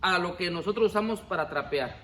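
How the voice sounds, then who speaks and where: A man teaching a Bible class, lively and joking, often asking the class questions. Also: high voice, brisk. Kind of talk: classroom lecture. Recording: echoey classroom, faint room noise.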